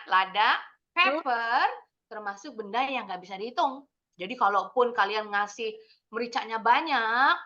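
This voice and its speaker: A young Indonesian woman teaching English to children in a video call, explaining with lively, sing-song questions. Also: mid-range voice. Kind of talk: online kids' English lesson. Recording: dull lo-fi video call audio.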